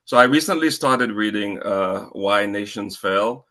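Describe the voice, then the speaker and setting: A man's voice: lowish voice, expressive, measured pace, fairly bright tone. A middle-aged man from Haiti, asking a panel speaker a long question in a conversational way, with many fillers and restarts. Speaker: audience member asking a question.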